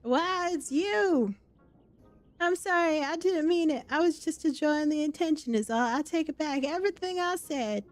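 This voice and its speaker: A woman voicing a boastful, cowardly male sailor with a rough pirate-like drawl, reading game dialogue aloud. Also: medium pitch, normal speed, natural voice. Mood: panicked. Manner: bragging, then babbling in panic.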